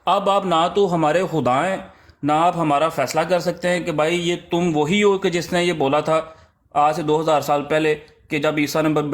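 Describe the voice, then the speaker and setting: Combative high-voiced man in a debate. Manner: combative, interrupts, scolding. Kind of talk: heated online debate.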